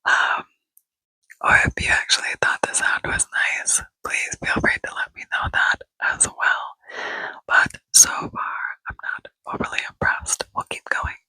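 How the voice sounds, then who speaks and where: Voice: measured pace, bright, forceful tone, no room sound, low-quality recording. An ASMR creator in a rambling, chatty whisper with many fillers, speaking close to a microphone held near the mouth, seated indoors. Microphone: close mic held near the mouth.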